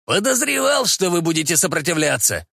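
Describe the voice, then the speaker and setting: A man voicing a calm, shrewd male official in an audiobook reading. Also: a little high, gravelly, no echo, studio quality, pitched above the performer's own voice, full character voice. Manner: calm, measured.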